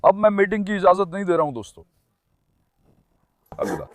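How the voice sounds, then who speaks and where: A man filming his dogs, talking to viewers and calling and calming the dogs. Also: sits high, fairly quick, dry recording. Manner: talks to viewers and calms his dogs in turns. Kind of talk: casual commentary to viewers.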